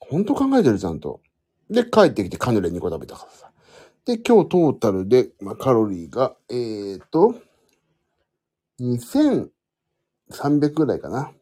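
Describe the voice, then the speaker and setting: A podcast host chats casually to listeners on his solo show, rambling and correcting himself as he thinks aloud while fiddling with his phone. His mid-range voice is mellow with a breathy edge.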